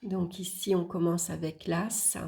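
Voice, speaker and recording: A woman with a low, gravelly voice talks slowly through a tarot deck. She names each card in an unhurried murmur and pauses now and then to look closer. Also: fairly even intonation. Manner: unhurried, murmuring card names while flipping, with small hesitations; warm, admiring remarks about the artwork. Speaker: channel host presenting a tarot deck. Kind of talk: casual deck walkthrough.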